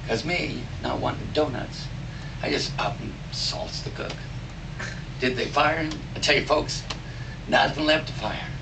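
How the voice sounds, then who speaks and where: A man's voice: mid-range voice, creaky. A man reciting cowboy poetry live in a folksy cowboy drawl, telling it like a yarn with rustic grammar. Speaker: cowboy poet. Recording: distant mic, noisy live room.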